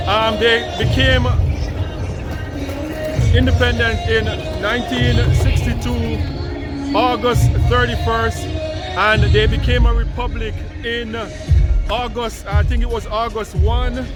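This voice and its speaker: A man hosting a casual live vlog outdoors, explaining the event to viewers. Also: very high-pitched. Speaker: vlog host. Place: outdoor downtown city square. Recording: loud music and crowd behind. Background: loud festival music and crowd.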